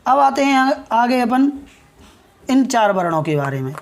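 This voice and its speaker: Slow, patient Indian woman teaching. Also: fairly high pitch, very animated, vocal fry, darkish tone. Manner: slow and explanatory, often checks in with listeners; spells out and drawls sounds for demonstration. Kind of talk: lesson on pronunciation.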